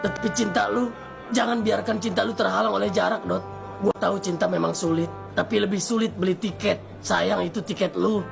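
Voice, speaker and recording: Someone acting a goofy young guy bestie, super croaky jakarta voice, dramatic n teasing, cartoon, music behind. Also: medium pitch, steady tone, brisk. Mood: melodramatic urging. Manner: melodramatic, teasing. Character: goofy, melodramatic, slangy young male best friend. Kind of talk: animated comedy dialogue in Jakarta slang.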